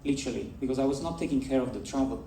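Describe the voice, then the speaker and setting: A man's voice: mid-range voice, racing, warm tone, slight background noise. A man from Italy with an Italian accent, giving a storytelling keynote talk on a festival stage and addressing the audience directly. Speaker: conference speaker. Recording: echoey hall, voice from far off.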